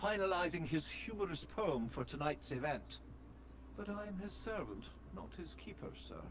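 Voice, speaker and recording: A man's voice: fairly high pitch, big pitch swings, normal speed, creaky, noisy background. A man voicing a polite, wordy male robot butler in a video game, formal and courteous in manner.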